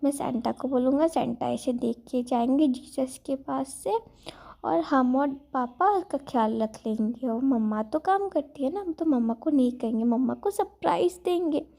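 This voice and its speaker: A woman's voice: high-pitched, moderate pace, vocal fry, dark tone. A woman voicing a cute, cheeky little boy who chatters sweetly and a bit mischievously in a fan fiction retelling.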